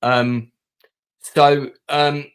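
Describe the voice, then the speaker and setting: A man's voice: a little high, flat delivery, very slow, a bit bright, smooth. A man from Denmark hosting an interview, asking friendly questions and often repeating words as he starts. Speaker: interview host. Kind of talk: casual interview.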